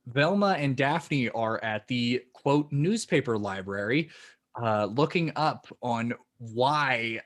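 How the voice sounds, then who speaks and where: A man's voice: mid-range voice, expressive, slow. A man co-hosting a podcast review, laid-back and casual, with dry quips. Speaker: podcast co-host.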